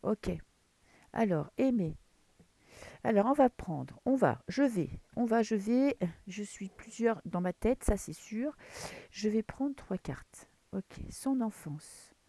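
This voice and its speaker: A woman's voice: mid-range voice, animated, takes it slowly, warm tone, no room sound. A woman with a French accent chatting casually while she reads tarot cards, rambling with many fillers and restarts. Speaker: tarot reader. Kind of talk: casual chat with tarot reading. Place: dim room at home, early morning.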